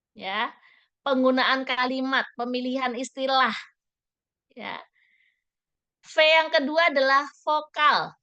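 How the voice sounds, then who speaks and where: Woman running a parenting workshop, high voice, slow easy pace, asks lots of questions. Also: lo-fi sound. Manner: lively, asks the audience many questions. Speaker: trainer leading a parenting workshop. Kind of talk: interactive workshop talk.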